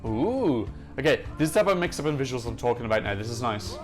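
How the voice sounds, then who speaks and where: A man's voice: mid-range voice, lively intonation, quick pace. A young man hosting a music reaction channel, chatting enthusiastically and gushing in casual analysis. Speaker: Eurovision reaction channel host.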